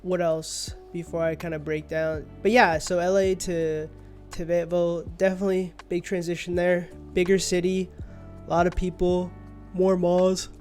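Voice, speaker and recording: A man's voice: sits high, flat delivery, moderate pace, darkish tone. A young man chatting casually on a livestream, drowsy and rambling, often trailing off mid-thought. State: sleepy. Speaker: streamer. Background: faint music.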